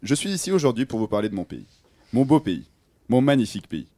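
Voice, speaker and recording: A man's voice: mid-range voice, big pitch swings, quick pace, dark tone, dry recording. A young man playing a self-assured male politician, addressing the nation in a solemn, proud speech on student radio. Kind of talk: student radio role-play.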